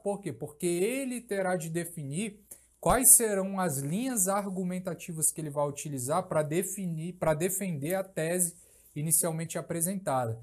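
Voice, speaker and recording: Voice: mid-range voice, a little mellow. A teacher giving a recorded course lecture, explaining step by step, repeating key phrases and checking in with tag questions.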